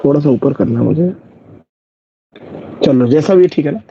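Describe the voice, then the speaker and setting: A male math teacher, his voice gravelly and husky. He talks students through each step and keeps checking that they follow, heard on a dry, dull lo-fi recording. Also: fairly high pitch, moderate pace, dry recording. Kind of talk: live online math class.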